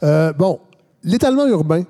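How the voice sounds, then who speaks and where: Mellow Québécois man hosting a podcast. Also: on the high side, very animated, moderate pace. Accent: Québécois French. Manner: casual, affirming interviewer. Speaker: podcast host. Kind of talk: podcast conversation.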